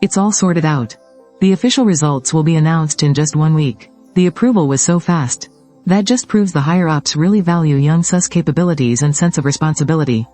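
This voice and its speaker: A man reading out a story recap, voicing every part in a steady, even way. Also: on the high side, brisk, faint music behind. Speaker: recap narrator. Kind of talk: scripted story narration.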